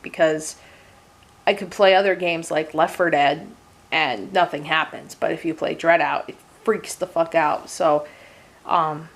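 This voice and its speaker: A woman's voice: fairly low pitch, a bit bright. A woman in her late twenties giving a casual, rambling monthly update vlog from her couch as a gaming streamer. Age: 20s. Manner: chatty and rambling, with frequent fillers and casual swearing. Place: at home on a couch.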